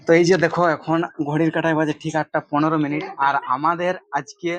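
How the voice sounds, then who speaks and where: Young guy vlogging on a ferry, talks fast, bit high voice, dry close sound. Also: little pitch movement, no echo. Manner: chatty, guiding, frequent fillers. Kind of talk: casual travel vlog narration. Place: aboard a ferry at a port.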